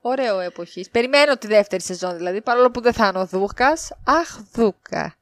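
Relaxed young woman in a dry room. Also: mid-range voice, no echo. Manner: relaxed, gushing, lots of agreeing murmurs. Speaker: podcast co-host. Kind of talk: casual chat.

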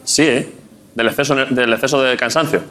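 A man, a talk show host bantering with a guest in quick interjections. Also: mid-range voice, fairly even intonation, pushed and bright. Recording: echoey studio sound.

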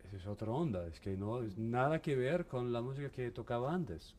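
Guy teaching violin, halting, quizzes the class, faint music behind. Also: medium pitch, a little mellow. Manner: halting, mixes in English words, asks the class questions. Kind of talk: masterclass teaching.

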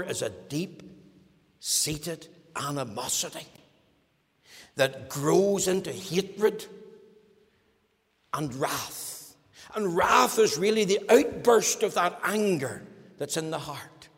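Male pastor, lively melodic delivery, reverberant church hall. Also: fairly high pitch. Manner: emphatic, swings from loud to near-whispered. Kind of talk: sermon.

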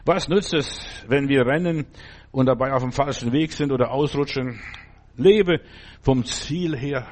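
Here a man preaches in an easygoing, down-home style, often pausing to ask if you're keeping up, with his pitch swinging dramatically. He speaks a little slowly.

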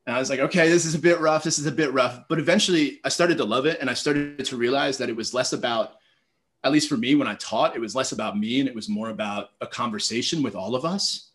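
Thirties guy chatting on a podcast, animated, says like a lot, acts out his thoughts. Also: medium pitch, fast. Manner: animated, storytelling, acts out quoted thoughts, heavy use of "like". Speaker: podcast guest, public speaking teacher. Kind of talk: casual conversational interview.

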